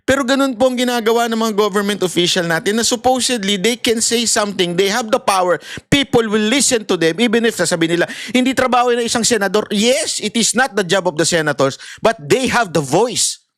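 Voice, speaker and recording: A man's voice: high-pitched, animated, fairly quick, a bit bright, no echo, studio quality. A man in impassioned political commentary, ranting and mocking, with laughs and acted-out voices. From Philippines.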